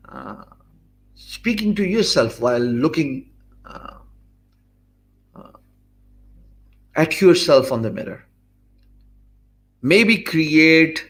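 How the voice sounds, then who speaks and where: A Pakistani online business coach, English not his first language, gives an earnest, measured talking-head video lesson from a small home office, gesturing with his hands. His voice is a little high and fairly bright, and he uses many hesitant "uh" fillers and restarts. He's framed by a webcam, with a stand mic close in front of him.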